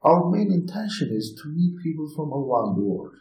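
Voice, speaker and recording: A man in his forties from Turkey with a Turkish accent, a guest telling lively stories in halting English as a non-native speaker. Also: fairly high pitch. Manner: chatty, animated storyteller, halting phrasing. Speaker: guest, inn owner and balloon pilot. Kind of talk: casual interview storytelling. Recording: roomy echo.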